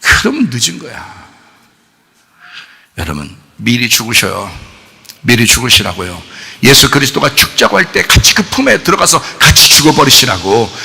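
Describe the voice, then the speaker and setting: Animated, gravelly pastor preaching in a hall. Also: male voice, normal speed, slight background noise. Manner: animated, asks the congregation questions; acts out quoted voices with big swings in pitch and loudness. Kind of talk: sermon. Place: church sanctuary.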